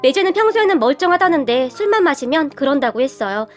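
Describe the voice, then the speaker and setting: High-voiced woman telling a story. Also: fast. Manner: lively, gossipy. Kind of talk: scripted story narration. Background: faint background music.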